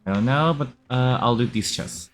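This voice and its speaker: A man streaming a video game live, commenting casually in a relaxed, rambling way with many fillers. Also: medium pitch, normal speed.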